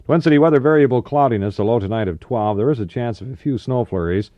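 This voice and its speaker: An American man with a medium-pitched voice talks fast as a 1960s AM radio DJ and announcer. It's a 1960s radio aircheck from a dry studio, with music behind him and the highs cut off in a dry recording.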